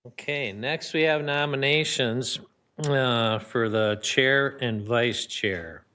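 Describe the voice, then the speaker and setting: Man, mid pitch, chairs a council-chamber meeting, plain procedural delivery with small halts. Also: bright, forceful tone, clear, resonant tone. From Minnesota. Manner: plain, procedural, slightly halting.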